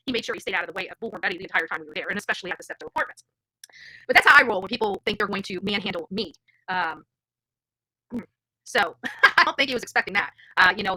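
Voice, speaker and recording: On a dry, rough recording, a woman with a somewhat high, sharp-toned voice runs a true crime livestream. She rambles brashly and feistily through informal commentary, storytelling, and passages she reads aloud.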